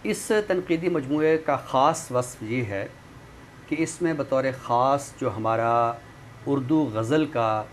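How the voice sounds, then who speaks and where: A male guest expert and literary commentator speaks with a mid-range pitch in a formal, measured way. He discusses literature, reviews a book, and recites some poetry, with clearly noticeable background noise on the recording.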